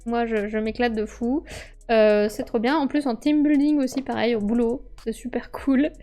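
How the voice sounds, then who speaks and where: A bubbly woman streamer chats casually about her favorite board games in a live-stream review, laughing often and acting out little scenes. Her voice is a little high and dark-toned, at a moderate pace. She uses a streaming microphone, with soft music in the background.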